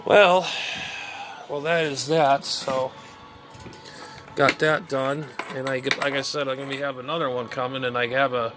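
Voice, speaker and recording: A middle-aged radio hobbyist walks through his gear in a loose, rambling vlog, muttering and circling back over the same points before trailing off. He has a mid-range voice at normal speed, with music behind him and steady noise throughout.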